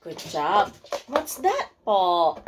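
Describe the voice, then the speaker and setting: A woman's voice: medium pitch, sing-song, extremely slow, very noisy. A woman talking to a toddler in simple, repeated, encouraging phrases as she teaches shapes, colors and short sentences.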